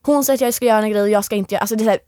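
A woman's voice: a little high, dry recording, studio quality. Young woman telling a story animatedly. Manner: animated storytelling, acts out quoted lines. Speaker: guest, former reality show contestant. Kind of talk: casual storytelling interview.

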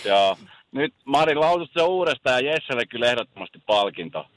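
A man's voice: mid-range voice, animated, crowd noise. A man calling a radio show, joking and pranking the hosts in mock innocence. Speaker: radio caller. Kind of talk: joking phone-in chat.

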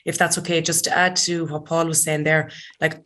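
Irish woman on a panel, strong kerry west of ireland accent, pretty even pitch. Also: moderate pace. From County Kerry, Ireland. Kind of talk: panel discussion talk.

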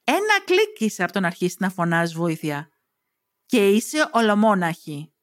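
A woman's voice: medium pitch, very animated. A woman telling a comic story in the second person, playful and sardonic, full of slang and wisecracks.

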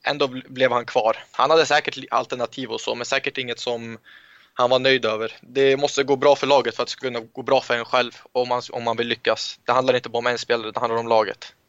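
A young footballer in a casual interview, telling stories with many halting restarts. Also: male voice, medium pitch, level tone, fairly bright tone, dry recording. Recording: muffled lo-fi sound, dry.

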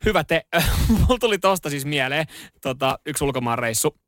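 Animated Finnish radio host, a man. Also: a little high, no echo. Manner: animated storytelling, acts out shouts in the story; frequent fillers, restarts. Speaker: radio morning show host. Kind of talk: casual chat.

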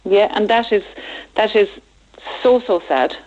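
A woman's voice: mid-range voice, measured pace. Woman, over a landline phone, muffled lo-fi line, hesitant, earnest, lots of fillers. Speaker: caller to a radio show. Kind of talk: radio phone-in call.

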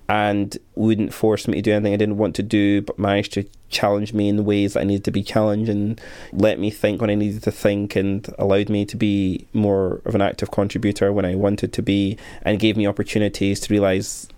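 A man's voice: fairly low pitch, monotone, a little fast, mellow, clean tone. A young man who teaches primary school, talking earnestly and thoughtfully about his work in an interview. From Scotland. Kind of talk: reflective interview talk.

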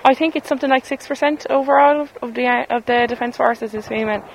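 A woman's voice: sits high, quick pace, gravelly, poor audio. An Irish woman from Galway, an army corporal, answering interview questions informally. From Galway, Ireland. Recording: field recording with faint background noise.

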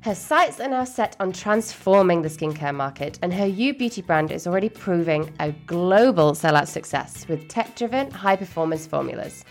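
A woman with a slightly low voice presents as a podcast host. She sounds polished and enthusiastic, in the style of scripted links and interview questions, over faint music. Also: expressive, normal speed, hardly any pauses. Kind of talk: scripted introduction and interview hosting.

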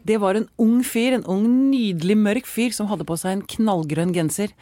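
A Norwegian woman co-hosting a podcast, speaking in a calm, reflective way in a casual conversation. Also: mid-range voice. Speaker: podcast co-host.

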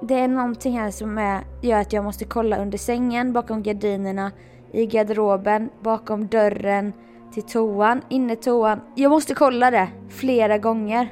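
A woman telling a story in casual chat, animated and laughing often. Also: on the high side, soft background music.

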